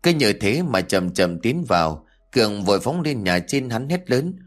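Low-voiced man, steady, measured horror audiobook narration. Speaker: storyteller.

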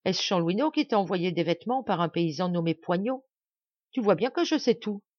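A woman's voice: on the low side, expressive, a little fast, darkish tone, no echo, muffled recording. A woman voicing a cold, iron-willed young noblewoman who mocks and accuses her rival harshly. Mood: relentless.

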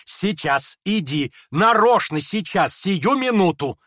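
A man voicing a hot-tempered, proud older noblewoman who scolds in shrill, impetuous outbursts in a dramatized audiobook reading. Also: lively intonation, moderate pace, a bit bright, no room sound, clean studio sound. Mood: agitated.

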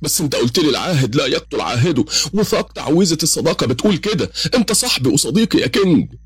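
Brief: remorseful young husband, Egyptian accent, husky and emotional, lively pitch, read by a male narrator. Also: rapid-fire, dry recording. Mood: outraged. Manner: pleading, emotional.

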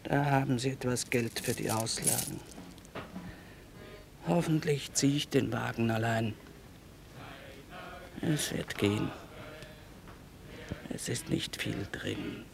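A woman's voice: rumbling low, takes it slowly, vocal fry, pauses often, noisy background, heavily acted. An actress playing a weary, grieving mother in a radio drama. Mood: numb resignation. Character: weary, grieving mother, hardened war-time trader. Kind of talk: radio drama acting with crooned lullaby.

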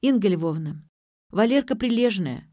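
Bold, confident young woman played by a woman, mellow and close. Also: medium pitch, expressive, measured pace, no room sound. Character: bold clever young woman, older sister.

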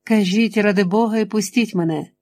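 A woman's voice: mid-range voice, brisk, warm tone, lightly acted. A woman voicing a frightened young woman who pleads breathlessly and resists an attacker in an audiobook. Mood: pleading.

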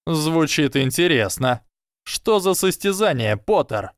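A man's voice: on the high side, moderate pace, clean tone, no room sound, studio quality, pitched above the performer's own voice, lightly acted. A man voicing an arrogant, scheming schoolboy wizard who drawls and mocks. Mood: drawling. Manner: drawling, mocking.

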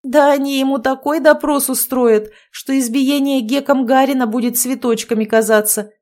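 A woman reading an audiobook, voicing a sharp-tongued, teasing young woman friend. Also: a little high, normal speed, natural voice. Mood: sarcastic. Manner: sarcastic, teasing.

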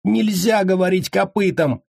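A man reading an audiobook voices a frightened wild man who squeaks, trembles and babbles nonstop. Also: unhurried, vocal fry, a little mellow, dry recording, studio quality, full character voice. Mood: frightened, babbling.

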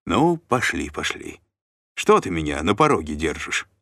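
A man's voice: low-pitched, big pitch swings, measured pace, gravelly, pushed and bright, no echo, clean studio sound, heavily acted. A man voicing a plump, sly and jovial noble uncle who banters and bargains. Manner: chatty, bantering, scheming.

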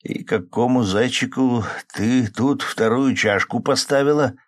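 A man voicing a rough, irritable drinking young man who talks gruffly and rudely, in an audiobook. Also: medium pitch, a little slow, pitched above the performer's own voice, natural voice. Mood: contemptuous. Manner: gruff, bellowing, rude.

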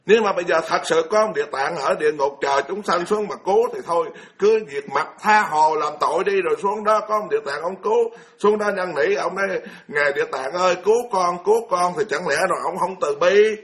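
A man's voice: high-pitched, a little fast, hardly any pauses, a bit bright. A man, giving a blunt, colloquial Buddhist sermon full of scolding rhetorical questions. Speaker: Buddhist monk lecturer.

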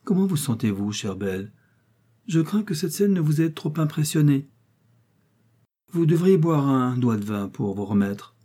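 A man's voice: big pitch swings, moderate pace, dark tone, slightly rough. A man voicing a gushing, fussy spinster in an audiobook, all breathless exclamations. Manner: breathless exclamations, high-pitched. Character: gushing fussy middle-aged spinster, woman.

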